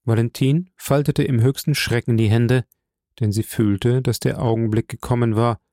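A man reading a classic novel aloud as audiobook narrator, calm and even. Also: medium pitch, moderate pace, no room sound, clean studio sound. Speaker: audiobook reader.

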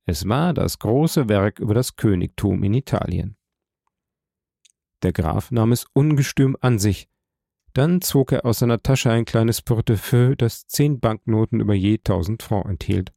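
A man narrating an audiobook in a measured, even storytelling manner. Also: fairly low pitch, vocal fry, no echo, studio quality.

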